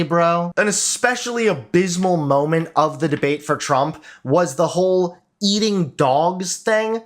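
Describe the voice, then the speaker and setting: A political commentator delivers a scripted voice-over with sarcasm and open mockery. The voice sits at a middle pitch. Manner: sarcastic, mocking.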